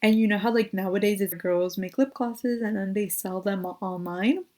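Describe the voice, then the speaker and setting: A woman's voice: medium pitch, fairly even intonation, normal speed, darkish tone. Gushing young woman, like-filled chat. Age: young adult. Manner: gushing, says "like" constantly. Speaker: YouTuber reviewing shows. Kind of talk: casual recommendation chat.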